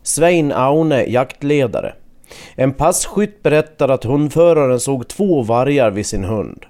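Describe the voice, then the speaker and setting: Mellow-voiced male news reporter. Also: mid-range voice, very animated. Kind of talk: scripted news narration.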